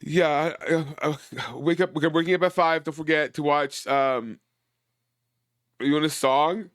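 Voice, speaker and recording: A man's voice: on the high side, steady tone, a little slow, fairly bright tone, dry recording, clean studio sound. A man in a casual live-stream chat, rambling and stammering with a lot of emotion.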